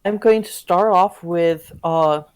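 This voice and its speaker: A player at a live tabletop game, talking through each move out loud. The speech is hesitant and halting, full of fillers as each choice gets worked out. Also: mid-range voice, smooth. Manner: hesitant, thinking aloud with many fillers. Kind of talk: casual game play talk.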